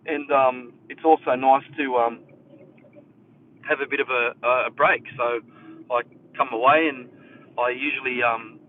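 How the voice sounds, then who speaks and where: An Australian hairdresser chats live with viewers from indoors at his mother's house, an air conditioner running, rambling with many fillers while stressing his key points hard. His mid-range voice is steady and a little slow, with frequent pauses. The sound is tinny and phone-like, distant from the mic, with faint noise.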